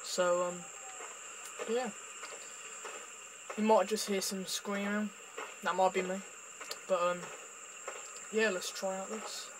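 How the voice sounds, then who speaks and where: Slow, hesitant young-sounding man gaming. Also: high-pitched, little pitch movement, background noise. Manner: hesitant, filler-heavy talk. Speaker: gamer. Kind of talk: casual gameplay commentary.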